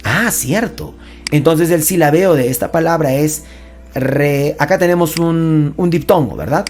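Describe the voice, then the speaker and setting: A woman teaching a playful grammar lesson, chatty and joking, sounding out words slowly and emphatically. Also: deep voice, darkish tone. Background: faint background music.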